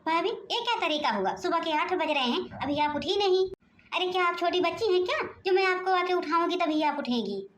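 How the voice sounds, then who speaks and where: A woman's voice: extremely high pitch, animated, fairly quick, a bit bright, roomy sound, a little hiss or hum. A woman with an Awadhi-region accent voicing an impatient, bossy young sister-in-law in a home-made cartoon. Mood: irritated. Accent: Awadhi-region Hindi. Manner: impatient, commanding.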